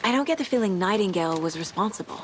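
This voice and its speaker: A woman playing a composed, curious FBI agent in a video game, speaking in a measured, matter-of-fact way. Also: mid-range voice, animated, slight background noise, natural voice. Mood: composed, reflective.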